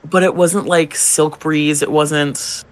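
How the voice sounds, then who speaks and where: Slow and fairly even in intonation, a young drag queen co-hosting a podcast recounts stories from work, cursing and imitating what customers said. His voice is a little high, gravelly and feminine-leaning.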